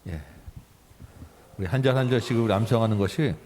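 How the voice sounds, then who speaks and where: Low mellow man leading recitation. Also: a little fast, a little hiss or hum. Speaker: pastor.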